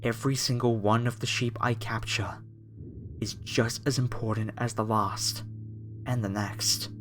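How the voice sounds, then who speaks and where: In a horror ASMR roleplay aimed at the listener, a man plays a masked cultist who was once a music director, polite and apologetic yet carrying calm, reverent menace. His voice is lowish and natural, with fairly even intonation and a measured pace over slight background noise.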